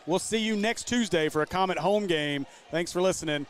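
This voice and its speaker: A man calling a basketball game live as play-by-play commentator, running through the action at a quick pace. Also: high-pitched. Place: basketball gym.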